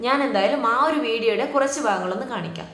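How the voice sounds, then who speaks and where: A woman speaks in a firm, lecturing tone as she comments on a video. Her voice sits fairly high. It rings with the echo of a hard-walled room. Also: quick pace, a bit bright. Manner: scolding, lecturing. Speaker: reaction YouTuber. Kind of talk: reaction commentary.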